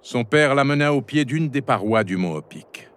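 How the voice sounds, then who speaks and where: A man narrating a children's storybook chapter in an expressive storytelling manner. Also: mid-range voice, normal speed.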